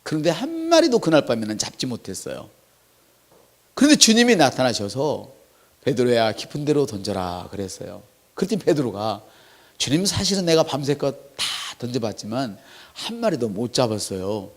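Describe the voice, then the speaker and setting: A man's voice: medium pitch, moderate pace. A man preaching a sermon to his congregation, acting out quoted lines. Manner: animated preaching with acted quotes. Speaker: pastor.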